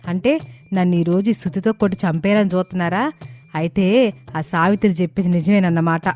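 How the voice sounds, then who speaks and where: A woman's voice: fairly low pitch, steady tone, fairly quick, darkish tone, soft background music, lightly acted. Woman playing a greedy scheming mother-in-law. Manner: plotting, wheedling and defensive. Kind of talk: storybook drama acting.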